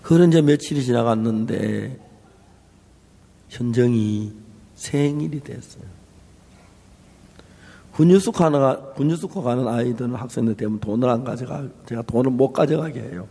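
A male preacher telling a story in a sermon, acting out the people in it and moving between hushed and raised voice. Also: mid-range voice, moderate pace, gravelly, pauses often. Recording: long hall reverb.

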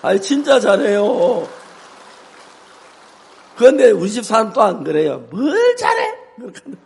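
An older man, a pastor, preaching with humor and telling animated stories, acting out his own shouts and both sides of a quarrel. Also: high voice, normal speed, creaky. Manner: animated storytelling, acts out shouts. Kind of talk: humorous sermon.

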